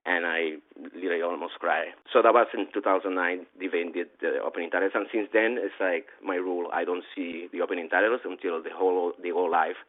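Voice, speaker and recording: Venezuelan-accented male event organizer, low voice, rambling and animated, phone-thin sound. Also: quick pace, few pauses. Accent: Venezuelan Spanish. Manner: rambling, animated, frequent restarts and laughs. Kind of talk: casual interview chat. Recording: tinny phone-like line.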